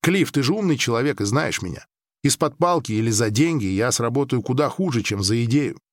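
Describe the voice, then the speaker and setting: A man's voice: mid-range voice, lively intonation, brisk, no echo, studio quality, close to an everyday voice. A man voicing a young, inexperienced dream-walker who talks defensively and a bit flustered. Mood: stubborn.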